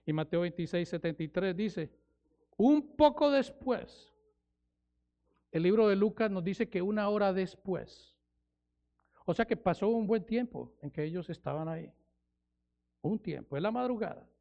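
A male preacher with a high, gravelly voice delivers an expository sermon. He is dramatic, slows right down on key words and acts out the quoted lines. The recording sounds dull and lo-fi. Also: dark tone.

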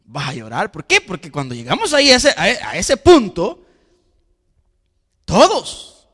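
A man's voice: high-pitched, wildly swooping pitch, unhurried, a bit bright. A man preaching a sermon as pastor, emphatic, asking the congregation rhetorical questions and repeating words. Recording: long hall reverb.

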